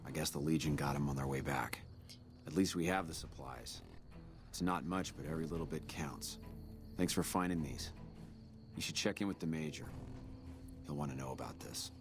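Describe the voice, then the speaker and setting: An actor playing a gloomy, weary military quartermaster in a video game, resigned in manner. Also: male voice, extremely low pitch, moderate pace, creaky, pauses often, music in the background. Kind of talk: video game character dialogue.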